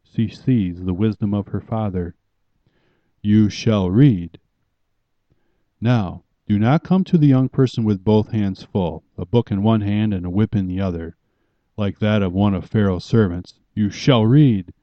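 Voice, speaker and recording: A man's voice: lowish voice, normal speed, dry recording, lo-fi sound. A man preaching a sermon in an emphatic, commanding way as a pastor.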